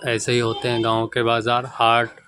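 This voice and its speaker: A man's voice: mid-range voice, completely flat delivery, moderate pace, sharp tone, a little hiss or hum, low-quality recording. A young man filming a casual vlog on a phone held at arm's length, guiding viewers around his shop and a village market. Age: young adult. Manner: chatty guide, points things out to viewers. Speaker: vlogger.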